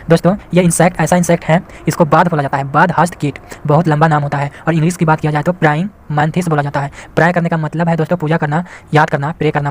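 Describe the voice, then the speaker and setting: Fast, flat-voiced man teaching words. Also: a little high. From Jharkhand, India. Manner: repeats each English word, addresses viewers as friends. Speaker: YouTube English teacher. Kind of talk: teaching vocabulary to viewers.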